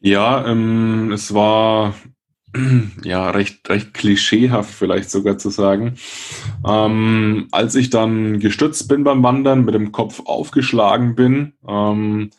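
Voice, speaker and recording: A man's voice: lowish voice, steady tone, slow. A man of thirty with a Franconian accent and a rolled r, talking about himself as an interview guest. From Franconia, Germany. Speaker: guest, speaker and change coach. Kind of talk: conversational interview, personal account.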